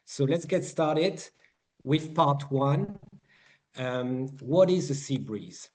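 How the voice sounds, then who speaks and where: A man's voice: medium pitch, slow, darkish tone. A man with a French accent teaching a sailing weather lesson over an online presentation, explaining step by step with many fillers and restarts.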